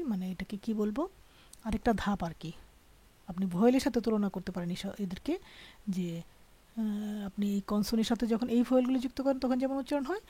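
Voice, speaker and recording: A woman teacher patiently explaining a language lesson, often pausing to check that students follow. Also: mid-range voice, mellow. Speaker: French teacher.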